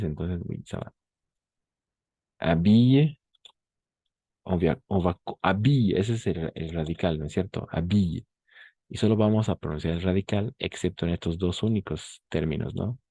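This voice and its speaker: Deep-voiced patient man teaching French. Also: dark tone, breathy edge, no room sound. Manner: patient, repeats French examples slowly, checks in with "¿no?" and "ujú". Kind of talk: online class explaining French grammar in Spanish.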